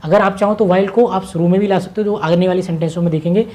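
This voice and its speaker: Woman teaching English grammar, mellow voice. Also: fairly low pitch, fairly even intonation. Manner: slows right down to dictate English sentences word by word; asks herself questions and answers them. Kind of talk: grammar lesson in Hindi.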